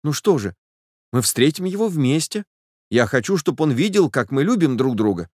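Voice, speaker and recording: A man reading an audiobook, voicing an excitable, tender young woman who talks quickly and exclaims often. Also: medium pitch, dry recording, clean studio sound. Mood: eager. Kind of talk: audiobook character voice.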